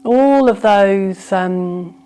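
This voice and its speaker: A female teacher guides a yoga nidra meditation, improvising gently with a soothing, unhurried delivery and reflective pauses. Her voice is mid-range.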